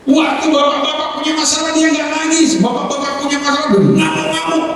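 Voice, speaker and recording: A man's voice: very high-pitched, fairly even intonation, quick pace, fairly bright tone. A man with an East Javanese accent, a pastor preaching a sermon in storyteller fashion, who keeps calling on his listeners and acts out short bits of speech. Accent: Indonesian, East Javanese. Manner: storytelling preacher, addresses the congregation as "saudara", acts out voices. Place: large church hall. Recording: echoey church hall, mic from a distance.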